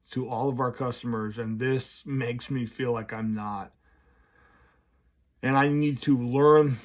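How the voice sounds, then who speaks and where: Man talking through new braces. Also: mid-range voice. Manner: candid, rambling, animated. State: slurred speech from new braces. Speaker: vlogger running a business. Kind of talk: casual vlog talk to camera. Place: his office.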